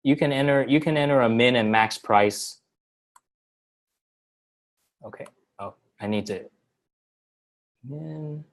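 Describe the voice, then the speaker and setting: Man walking through software, halting. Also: medium pitch. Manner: halting, filler-heavy explaining. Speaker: software support presenter. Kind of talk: screen-share software walkthrough.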